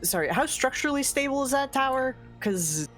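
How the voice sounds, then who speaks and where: A woman's voice: high-pitched, lively intonation, brisk, fairly bright tone, faint music behind. A woman chatting casually as a player in a tabletop role-playing game.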